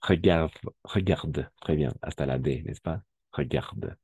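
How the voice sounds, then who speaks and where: A man's voice: very deep voice, slow pace, vocal fry, darkish tone, husky, dry recording. A man teaching a French class, patiently explaining and repeating key words and checking that students follow. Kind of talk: live language class explanation.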